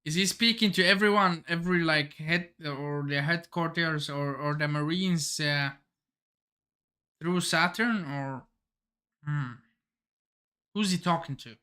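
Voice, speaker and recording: A man hosting a manga reaction, reading along excitedly and thinking aloud with frequent exclamations and restarts. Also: on the high side, a little slow, pauses often, smooth.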